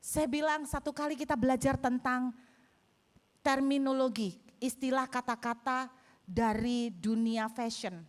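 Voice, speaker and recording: A woman pastor with a Javanese-tinged Indonesian accent, telling a story in a sermon, animated and acting out the voices she quotes. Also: high voice, measured pace. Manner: animated, acts out quotes with bursts of raised voice. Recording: reverberant hall.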